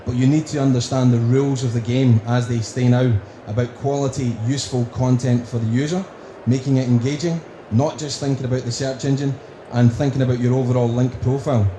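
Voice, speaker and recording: Male conference speaker, broad Scottish, relaxed mellow voice, roomy recording with faint background noise. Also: medium pitch, a little fast, few pauses. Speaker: conference speaker, company director. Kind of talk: prepared conference presentation. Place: indoor conference room.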